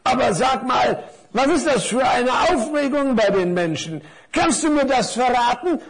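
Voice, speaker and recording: A man's voice: extremely high pitch, expressive, unhurried, slightly rough, voice pushed up, full character voice. Man doing a dim, puzzled thick scarf. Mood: curious. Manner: puzzled, rambling, muddled. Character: thick gift-wrapped scarf, male, slow-witted.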